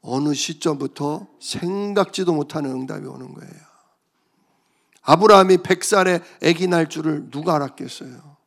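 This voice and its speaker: A male pastor preaching a sermon, telling stories in an animated way and calling out for amens. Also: sits high. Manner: animated storytelling, calls for amens.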